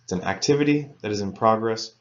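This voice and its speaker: A man teaching an English grammar lesson to students, reading example sentences slowly and carefully. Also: fairly low pitch, dull audio. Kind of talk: recorded lecture for students.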